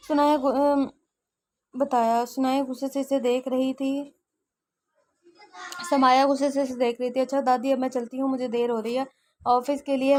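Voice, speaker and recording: A woman's voice: high voice, slight background noise. A woman reading a romance novel aloud as an audio story, giving all the characters her own voice, with frequent slips and self-corrections.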